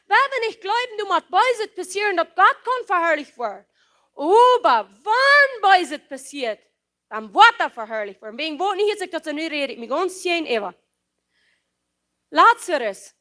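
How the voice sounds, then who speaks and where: Woman preacher, very high and animated, emphatic and repetitive, mixes in English. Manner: impassioned, emphatic preaching with repeated phrases; mixes English words into her speech. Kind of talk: sermon.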